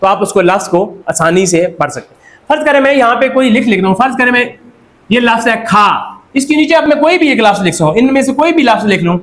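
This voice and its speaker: A man's voice: very high voice, expressive, fast, fairly bright tone. A Pakistani man teaching a classroom lecture, quizzing students and repeating their answers. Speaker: Korean language teacher.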